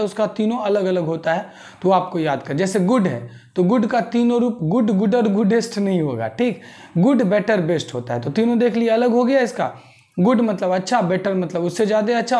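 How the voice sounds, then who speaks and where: A man's voice: high-pitched, darkish tone. A man teaching an English grammar lesson, explaining step by step, spelling words letter by letter and often checking in with "theek".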